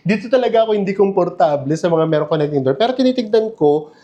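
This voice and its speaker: Chatty high-voiced man. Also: animated, fast, mellow, lo-fi sound. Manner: chatty, laughs often, playful asides. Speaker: travel vlogger. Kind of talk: casual hotel room tour. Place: hotel room.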